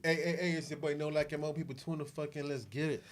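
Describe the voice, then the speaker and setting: A man's voice: fairly high pitch, flat delivery, quick pace. A man, co-hosting a podcast and telling crude, rowdy stories in casual chat. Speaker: podcast co-host.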